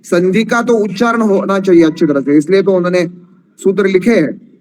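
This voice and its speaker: A man teaching an online Sanskrit class, patiently explaining grammar rules and slowly chanting verses with long drawn-out vowels. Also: high-pitched, darkish tone.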